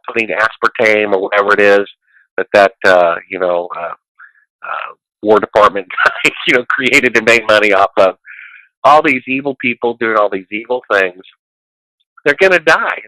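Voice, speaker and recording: A man's voice: fairly low pitch, pushed and bright, dry recording, low-quality recording. A man in a casual conversation as a guest, talking in a preachy, rambling way and quoting scripture.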